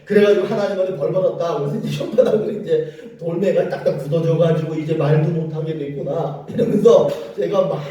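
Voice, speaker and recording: Male pastor, animated storytelling sermon, dark mellow voice, echoey church picked up from afar. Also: on the high side, fairly quick, hardly any pauses, distant mic, lo-fi sound. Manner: storytelling, animated, with laughing asides.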